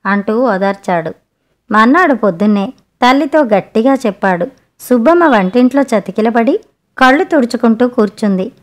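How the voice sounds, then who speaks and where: A woman storyteller with a somewhat high voice reads a family story aloud. Her narration is steady and expressive, paced like an audiobook. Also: normal speed.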